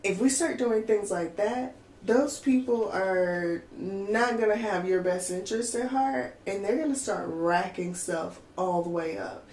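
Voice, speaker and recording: A woman's voice: medium pitch, unhurried. Exasperated woman ranting in an echoey room. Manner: animated, exasperated, ranting with many fillers. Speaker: podcast co-host. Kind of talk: casual chat. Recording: echoey room with faint noise.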